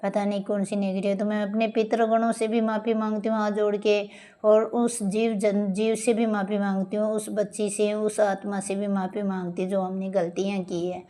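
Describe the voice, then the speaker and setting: A woman's voice: medium pitch, flat delivery, normal speed, mellow. A middle-aged woman giving an earnest devotional testimony and spoken prayer, pleading and repeating her address to the guru.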